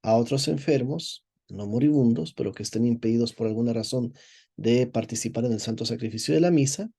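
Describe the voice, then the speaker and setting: Male priest, mid-pitched warm voice, rambling teaching tone. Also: brisk, vocal fry, husky. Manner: digressive, repeats words while searching for phrasing; explanatory, asks "verdad?" to check with listeners. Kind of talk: lecture, reading and commenting on a text.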